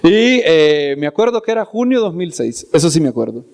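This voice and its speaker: A man's voice: on the high side, brisk, gravelly. A man preaching in a storytelling way, acting out the scenes he tells and repeating words for emphasis. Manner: animated, acts out scenes and voices. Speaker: preacher and Bible teacher. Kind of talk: storytelling sermon.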